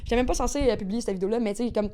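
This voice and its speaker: A woman with a Québécois accent talks very fast in a relaxed podcast chat. Her speech is slangy and lively, one story tumbling into the next. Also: on the high side. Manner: rapid, slangy, animated storytelling. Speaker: guest, agency owner. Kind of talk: casual podcast conversation.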